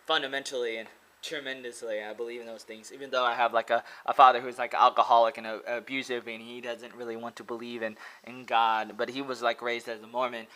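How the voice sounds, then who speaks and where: Rambling young American man, bright voice. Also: medium pitch, little pitch movement, brisk. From Oregon, USA. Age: 20s. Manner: rambling and earnest, heavy use of "like", repeats himself. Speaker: vlogger and English teacher. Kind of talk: casual to-camera monologue. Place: small indoor room. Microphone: laptop webcam close up.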